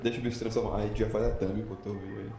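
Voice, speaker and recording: A man's voice: on the low side, little pitch movement, very fast, creaky, soft background music. A man joking and teasing his friends while playing a co-op game. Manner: joking, teasing, says bicho a lot. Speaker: gamer. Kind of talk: casual co-op gaming chat. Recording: loud background noise.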